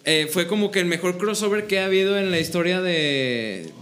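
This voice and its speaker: Mexican man, high and sharp-toned, joking friend in casual banter. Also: expressive, normal speed. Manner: slangy, joking. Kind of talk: casual chat among friends.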